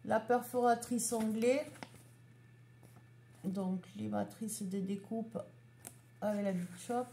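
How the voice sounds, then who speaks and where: A woman's voice: mid-range voice, fairly even intonation, gravelly, warm tone, a little hiss or hum. A woman chatting casually as she shows a craft haul, item by item. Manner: slow, chatty, showing items one by one. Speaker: craft vlogger.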